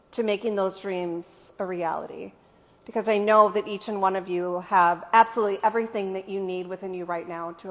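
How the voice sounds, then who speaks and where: A woman's voice: mid-range voice, big-room sound. A woman author giving an earnest, conversational speech at her book launch party, with frequent ums, in front of an audience indoors. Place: indoor event venue with an audience.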